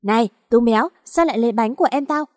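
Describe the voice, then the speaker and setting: A woman's voice: fairly high pitch, fast talker, dry recording, clean studio sound, lightly acted. A woman voicing a determined young boy who is earnest and protective of his little sister. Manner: earnest, pleading.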